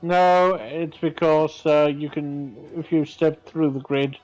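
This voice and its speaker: A man's voice: on the high side, fairly even intonation, takes it slowly, lo-fi sound. A man playing an online tabletop game, making dry remarks and explaining the game's rules. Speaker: player. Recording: faint music underneath.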